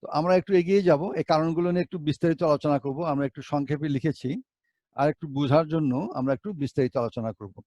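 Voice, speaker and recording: A man's voice: fairly high pitch, fairly even intonation, racing, mellow, no room sound, highs cut off. A male teacher giving a Bengali pronunciation lesson, spelling words out letter by letter and asking rhetorical questions.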